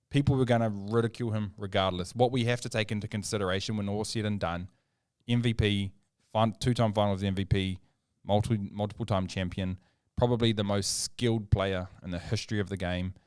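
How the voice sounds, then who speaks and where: Podcast co-host, male, low smooth voice, argues his case emphatically; dry close mic. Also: no echo. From New Zealand. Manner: opinionated, emphatic, argues points with rising energy. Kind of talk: casual sports chat.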